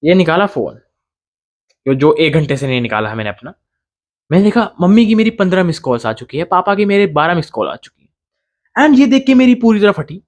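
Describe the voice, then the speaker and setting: Excitable high-voiced young man telling a story. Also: a little fast. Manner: animated, dramatic, keeps saying bro. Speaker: vlogger. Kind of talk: storytime vlog.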